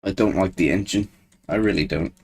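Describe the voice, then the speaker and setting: Brief: low husky-voiced male streamer, loose self-mocking solo chatter with frequent laughs. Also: a little fast, a little mellow. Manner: rambling, self-deprecating, laughs often. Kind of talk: casual solo gameplay commentary.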